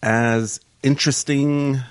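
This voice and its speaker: A man's voice: medium pitch, steady tone, takes it slowly, smooth. A man co-hosting a casual chat, playful, trailing off and laughing often. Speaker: co-host.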